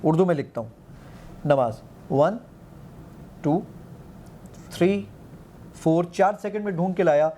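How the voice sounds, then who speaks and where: Man, fairly high, mellow tone, eager demo talk with quoted commands, faint noise behind. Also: pauses often. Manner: eager, quotes himself giving commands, counts aloud. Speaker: app founder demonstrating his app. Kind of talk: animated demonstration in an interview.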